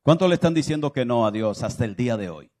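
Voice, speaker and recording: A pastor preaching a sermon, moving from loud exclaiming to soft confiding speech and acting out biblical voices as he tells the stories. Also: medium pitch, lively intonation, fast talker. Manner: acts out biblical voices in his telling.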